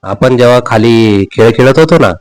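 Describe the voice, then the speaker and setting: A teasing middle-aged mother who orders her son about in a brisk, coaxing way, put on by a man retelling the episode. His voice stays near his own register. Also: medium pitch, lively intonation, close to an everyday voice. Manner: coaxing, brisk, hushed at times.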